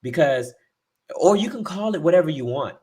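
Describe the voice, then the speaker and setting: A man's voice: fairly high pitch, lively intonation, normal speed, a little mellow. A man co-hosting a casual talk show, giving his opinions and speeding up as he rants. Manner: opinionated, speeds up when ranting. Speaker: podcast co-host.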